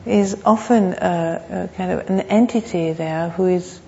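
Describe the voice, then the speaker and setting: Creaky-voiced woman in a hall. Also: lowish voice, dark tone, slight background noise. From Thailand. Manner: reflective, halting, with pauses and repeated phrases. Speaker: meditation teacher. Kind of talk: unscripted dharma talk. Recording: muffled, reverberant hall.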